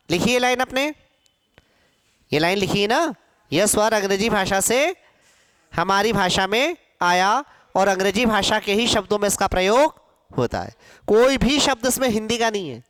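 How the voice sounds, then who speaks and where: A man teaching a Hindi class, slowly stretching and repeating syllables to drill pronunciation, and emphatically scolding students about common mistakes. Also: sits high, a bit bright, clear, resonant tone, no room sound, clean studio sound. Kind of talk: classroom lecture for exam students.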